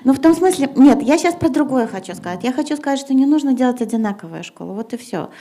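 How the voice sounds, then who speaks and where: Before an audience in a gymnasium hall, this middle-aged teacher talks fast on a panel, her high-pitched, dark-toned voice full of lively intonation. She starts out hesitant, leaning on lots of fillers, before pushing her arguments with emphasis.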